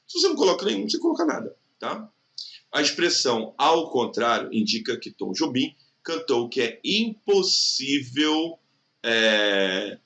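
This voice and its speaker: This recorded online exam-prep class features a man speaking Brazilian Portuguese in a chatty way, frequently checking that the listener is following. To highlight stressed syllables, he stretches words out slowly. His tone is bright and forceful at a medium pitch, with some vocal fry.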